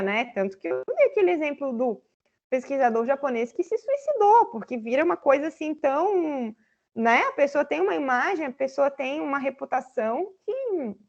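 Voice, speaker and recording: A woman guest lecturer answers seminar questions over a video call, explaining at length with many fillers. Her voice is high, creaky and a little mellow, and the online audio sounds slightly dull.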